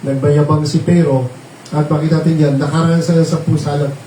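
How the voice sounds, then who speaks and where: Male preacher, high and mellow voice, mixes Tagalog and English with frequent tag questions, miked from a distance. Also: flat delivery, fairly quick, slight background noise. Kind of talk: sermon. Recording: roomy, distant mic, faint ambience.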